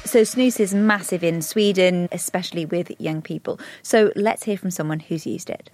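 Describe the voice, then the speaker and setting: A woman's voice: fairly low pitch, normal speed. Woman hosting a news podcast over music. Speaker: podcast host. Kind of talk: scripted news podcast presenting.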